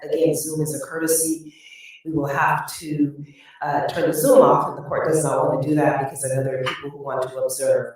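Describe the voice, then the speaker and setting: A woman judge giving formal courtroom instructions in a measured, official way, sounding like she is talking through an echoing tube. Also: low-pitched, a little mellow. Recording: echoey courtroom audio from a distant mic.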